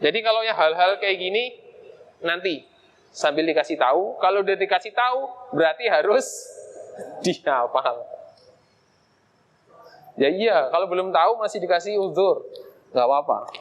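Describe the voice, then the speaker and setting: Man, high voice, casual mosque lesson, talks through steps, asks and answers himself. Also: animated, normal speed. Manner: casual explaining, quizzes himself aloud. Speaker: Arabic teacher.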